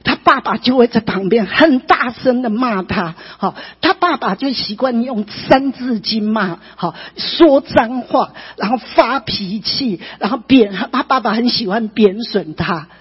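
Husky high-ish woman preacher, super breathy voice, long hall echo, kinda muffled sound. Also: unhurried, few pauses. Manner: animated, emphatic storytelling with frequent tag particles. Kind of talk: emotional sermon testimony. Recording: dull recording with long reverb in a hall.

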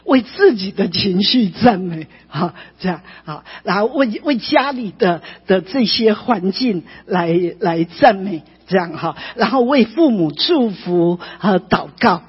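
A woman preacher telling a testimony in an animated, emphatic way, often adding tag particles. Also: medium pitch, breathy edge. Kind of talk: emotional sermon testimony. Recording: dull recording with long reverb in a hall.

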